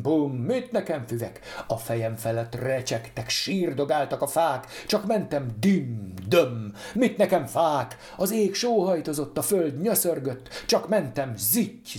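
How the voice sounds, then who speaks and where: Storyteller for a dramatic fairy-tale reading, middle-pitched, strongly rhythmic, moving from loud chanting to soft whispers.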